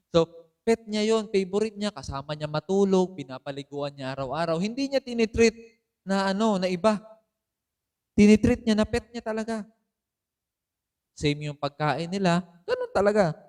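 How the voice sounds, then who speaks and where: A man's voice: high voice, lively intonation, normal speed, pauses often, a little mellow, clean tone. A man preaching a sermon as pastor, telling the story with bursts of emphasis. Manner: storytelling, mixing in English phrases, rising emphasis. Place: church.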